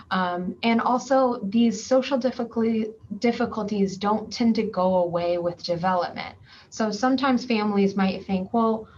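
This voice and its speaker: A woman clinician giving a conference talk, explaining clearly and patiently with frequent ums and worked examples, over a video-call mic. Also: mid-range voice. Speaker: clinician presenting at a conference session. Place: home or office, remote virtual session. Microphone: computer mic on a video call. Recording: slightly dull virtual-conference audio with faint background noise.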